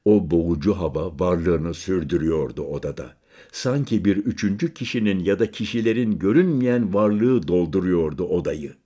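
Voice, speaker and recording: A man narrating a literary audiobook in the first person, measured and slowing on quiet images. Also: deep voice, lively intonation.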